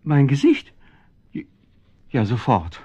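A flustered, stammering gentleman. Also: medium pitch, wildly swooping pitch, slow, breathy edge, full character voice. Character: flustered man, baffled by a talking cat. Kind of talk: radio play acting. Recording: dull lo-fi radio play recording.

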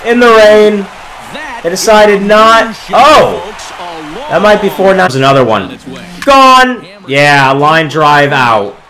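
Excitable high-voiced man calling gameplay. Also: takes it slowly, rough recording. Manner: excitable, calling home runs like a sportscaster. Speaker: gaming video creator. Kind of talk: gameplay commentary.

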